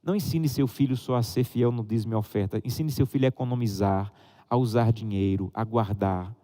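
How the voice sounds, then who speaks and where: A man's voice: a little fast, in a large hall. A Brazilian man preaching a sermon, telling stories and acting out the voices of the people in them. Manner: animated storytelling, acting out a child's high excited voice. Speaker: pastor. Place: church hall.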